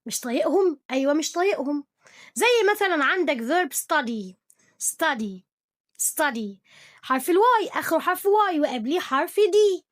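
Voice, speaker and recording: A young woman with an Egyptian Arabic accent and a high, bright voice runs a cheerful English lesson for kids. She poses little quiz questions to her pupil and praises every right answer. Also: expressive, a little fast. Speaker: English teacher. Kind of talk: playful lesson for children.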